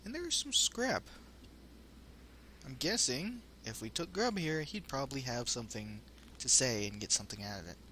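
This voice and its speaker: A man's voice: mid-range voice, sing-song, moderate pace, bright, forceful tone. A man hosting a let's play with casual, wry commentary that rambles into asides. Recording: home commentary with faint noise.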